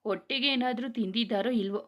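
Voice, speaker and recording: A woman voicing a gentle young wife and mother, speaking in a soothing, reassuring way. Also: on the high side, fast, lightly acted.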